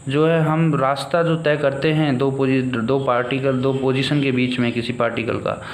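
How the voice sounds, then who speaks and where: A man teaching physics, explaining slowly step by step and checking in with his students often. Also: mid-range voice, little pitch movement. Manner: slow and deliberate, mixes in English terms, checks in with "okay, students". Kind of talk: blackboard lesson explaining step by step. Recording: echoey room with faint noise.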